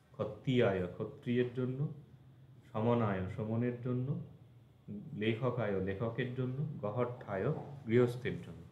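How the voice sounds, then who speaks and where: Male teacher with Bengali accent; unhurried, methodical, spells out endings; recorded in an echoey room. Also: medium pitch, darkish tone, dull audio. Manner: slow, patient, spells out word endings syllable by syllable. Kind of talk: language lesson.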